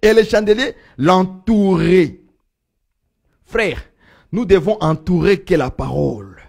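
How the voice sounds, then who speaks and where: A man preaching a sermon, swinging from loud proclaiming to low murmurs. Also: slow pace, creaky.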